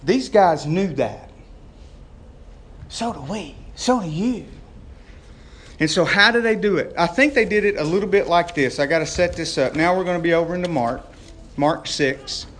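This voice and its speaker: A man's voice: sits high, normal speed, long pauses, fairly bright tone. A man preaches. His sermon is informal and conversational, full of folksy turns of phrase. He often turns to the congregation with direct questions. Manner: folksy, addresses listeners as gang, boys and y'all; poses questions to the listeners.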